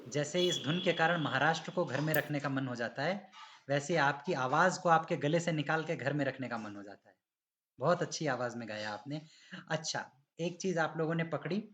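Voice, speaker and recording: A man teaching Sanskrit pronunciation in an online class, patiently correcting students and demonstrating recitation slowly. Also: fairly high pitch, a bit bright, lo-fi sound, slight background noise.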